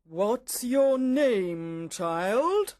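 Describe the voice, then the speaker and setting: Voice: medium pitch, very animated, dry recording, studio quality, voice pushed up. A narrator voicing a bossy, furious storybook queen who commands and drags out words imperiously. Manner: commanding, shouting, drawn-out words.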